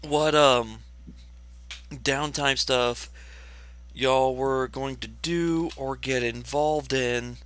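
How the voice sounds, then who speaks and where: A man running a tabletop game as game master, unhurried, checking his notes and laughing easily. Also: medium pitch, fairly even intonation, fairly bright tone, clear, resonant tone, no echo.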